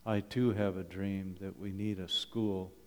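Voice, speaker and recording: A low, darkish voice with flat delivery and a slightly slow pace comes from a middle-aged or older Canadian man presenting at church as a wilderness school principal. He speaks to the congregation with humor and many rhetorical questions alongside slides, in a hall with lengthy echoing reverb.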